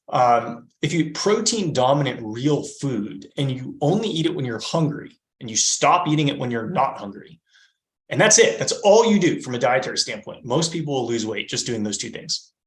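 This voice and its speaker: In an echoey room, a medium-pitched man in his thirties, a fitness coach, is interviewed on a podcast. His explanations are emphatic, often punctuated by "right?"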